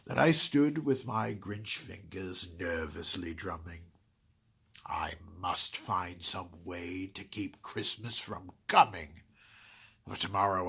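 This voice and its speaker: A grumpy, scheming Grinch who hates the holidays, told as a dramatic storybook reading. The voice sits low, gravelly and rough, dropping to hissed whispers and swinging up into loud sneering outbursts. He drags the words out slowly, savoring every bit of spite. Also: full character voice. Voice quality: gravelly, raspy. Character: grumpy scheming green male holiday-hater.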